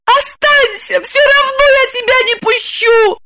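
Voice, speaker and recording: A woman voicing a desperate, naive young woman in love, with shrill, pleading exclamations. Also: steady tone, unhurried, bright, forceful tone, exaggerated voice. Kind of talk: audiobook narration with voiced characters.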